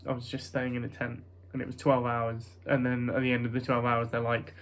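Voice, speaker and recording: A young man with a British accent talks in a nasal voice at a middling pitch. He rambles in a casual vlog style, self-conscious and hesitant, often dropping a thought halfway and starting on another. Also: completely flat delivery, fairly quick, a little hiss or hum. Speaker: vlogger.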